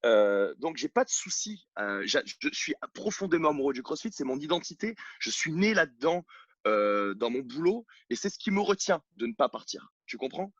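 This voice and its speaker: A man's voice: a little high, sing-song, moderate pace, a bit bright, no echo. Blunt male coach from France, emphatic and outspoken, dry and slightly dull home recording. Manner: blunt, emphatic, many restarts and fillers. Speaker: CrossFit coach and gym owner. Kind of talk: outspoken interview talk. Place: at home on his sofa. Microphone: own camera.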